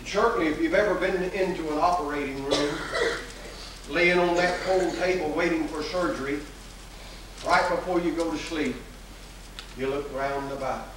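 Captured on hissy 1980s video, the recording places this pastor far away in an echoey church hall, picked up through his pulpit microphone and a far camera. He is an older man with a slightly high, somewhat bright voice, preaching in a folksy, emphatic style full of repetition and filler "uhs" in a large sanctuary.

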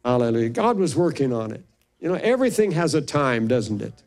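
A man's voice: mid-range voice, very animated, fairly quick, darkish tone. An older man, a pastor, telling a personal story in a sermon and acting out the voices of the people in it.

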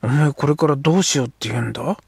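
Guy doing a gruff sulky edo street kid, coarse slang, husky voice, storybook. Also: mid-range voice, fast, dry recording. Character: rough young Edo street boy, sulky. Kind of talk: audiobook character voice.

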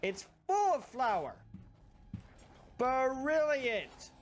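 A streamer yelling through a horror game with a high voice that leaps all over the place. The talk is unhurried between bursts, and full of swearing and excited shouts at the screen. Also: a little hiss or hum. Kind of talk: live gameplay commentary.

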